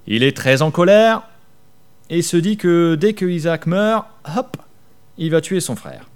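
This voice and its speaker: With a slightly high, clear and resonant voice, a man preaches at an unhurried pace with lively intonation. As a pastor keeping his sermon conversational, he asks his listeners rhetorical questions and dramatizes his worries in whispers.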